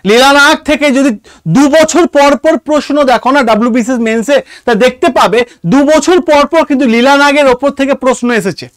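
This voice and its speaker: This history teacher for exam coaching is a man with an Indian Bengali accent and an extremely high voice, moving at a moderate pace. He teaches emphatically and energetically, repeating important phrases and questions while frequently making sure students keep up, all captured in a dry, clean studio recording.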